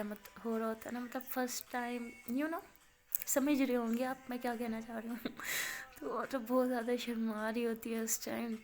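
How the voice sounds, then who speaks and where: A woman storyteller narrating a romance in a loose, chatty manner, often pausing on fillers and speaking to her listeners. Her voice sits fairly high. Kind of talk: casual narrated love story.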